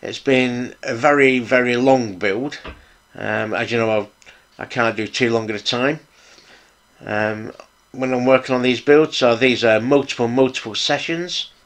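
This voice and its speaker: A man's voice: mid-range voice, measured pace, a bit bright. A middle-aged British man casually narrating a hands-on hobby build vlog in an informal, appreciative, chatty way. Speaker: hobby video host, model car builder.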